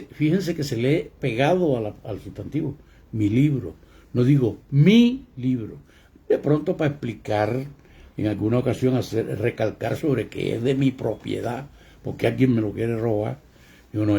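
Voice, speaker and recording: A man's voice: medium pitch, gravelly, dark tone, breathy edge. A man giving a grammar lesson, asking rhetorical questions and stressing key points. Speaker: grammar teacher. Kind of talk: classroom lecture.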